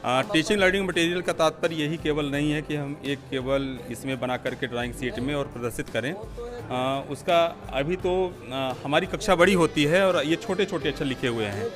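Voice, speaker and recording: A man's voice: a little high, moderate pace, over music. A man interviewing teachers at an outdoor teaching fair, asking probing questions and explaining points at length.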